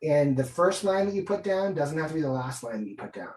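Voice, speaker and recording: Speaking fairly quickly with big pitch swings, this man has a slightly high, slightly mellow voice. He's a guest illustrator giving an informal, enthusiastic art demonstration, thinking aloud as he works. He's away from the mic, so the sound carries a roomy echo.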